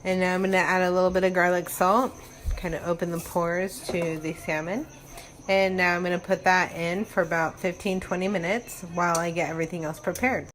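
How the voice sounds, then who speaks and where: A woman's voice: fairly low pitch, level tone, brisk, a bit bright. Woman narrating home cooking over noisy sizzle. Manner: informal, step-by-step explaining. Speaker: home cook presenting a recipe. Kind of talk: casual cooking vlog narration. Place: home kitchen. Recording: noisy kitchen with frying sizzle. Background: food frying and sizzling.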